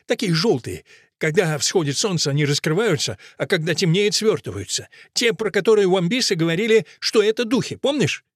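A man reading an audiobook, voicing a sick crippled man who shouts and pleads insistently. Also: high-pitched, lively intonation, a little fast, no room sound, clean studio sound. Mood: eager.

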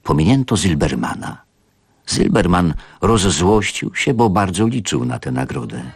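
Deep gravelly male radio reader. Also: very animated, unhurried, dry recording. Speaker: narrator. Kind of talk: literary reading on radio. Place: radio studio. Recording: radio reading over music.

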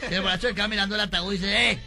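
A man telling jokes live, in lively storytelling that breaks into shouts and laughter, on a noisy live recording. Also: high-pitched, racing. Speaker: stand-up joke teller.

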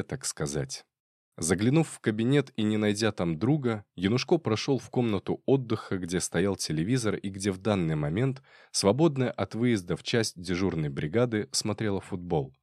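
Low-voiced man reading crime fiction. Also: darkish tone, dry recording, studio quality. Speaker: audiobook narrator. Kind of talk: scripted crime narration.

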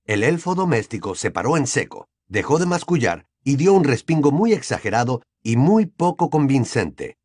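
A man narrating an audiobook with an expressive storytelling delivery. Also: medium pitch, normal speed, few pauses, husky, dry recording, clean studio sound. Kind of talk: scripted narration.

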